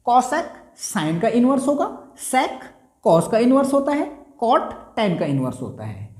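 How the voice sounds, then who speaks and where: A man teaching a maths lesson at a board, repeating each key term slowly and asking himself the answer aloud. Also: extremely high pitch, wildly swooping pitch, a little mellow. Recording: roomy echo.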